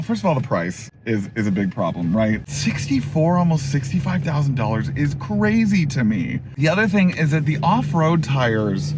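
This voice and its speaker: A man hosting a casual car review, talking as he drives a pickup truck, with lots of fillers like "like" and "you know". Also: medium pitch. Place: inside a pickup truck while driving. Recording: road and engine noise in a moving truck.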